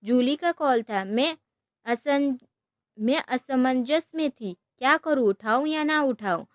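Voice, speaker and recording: A woman narrating a first-person love story in an expressive, conversational way. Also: high voice, slow, no room sound, dull audio.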